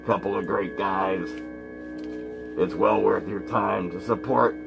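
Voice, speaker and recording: A man presenting as a campy zombie horror host in vintage style, with gravelly, casual, rambling patter. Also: on the low side, steady tone, slow pace, music in the background. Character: zombie horror host addressing his kiddies. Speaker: horror movie show host.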